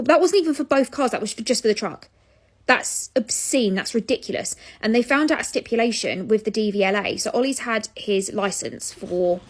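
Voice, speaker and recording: A young British woman vlogging casually to camera, chatty and exasperated, swearing now and then. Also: a little high. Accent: British English.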